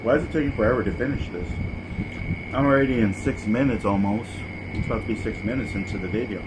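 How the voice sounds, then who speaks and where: A man's voice: on the low side, fast talker. A man hosting a mukbang, giving a casual, informal food review while eating and repeating short verdicts. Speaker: mukbang host. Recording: clearly noisy background ambience.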